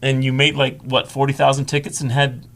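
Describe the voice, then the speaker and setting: A man co-hosting a sports podcast, trading jokes and teasing his partner, sometimes breaking into shouts. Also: mid-range voice, monotone, fairly quick. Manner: joking, teasing, bursts into shouts. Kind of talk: casual banter.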